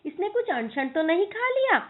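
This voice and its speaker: A woman's voice: very high voice, sing-song, moderate pace, pitched above the performer's own voice. A woman voicing a worried mother who fusses over her sick little son with anxious questions. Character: worried fussing mother of a small boy. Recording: tinny phone-like recording.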